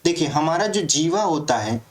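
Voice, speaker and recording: Male teacher, bit high voice, explains grammar step by step for exam prep, keeps checking students follow. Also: animated, normal speed.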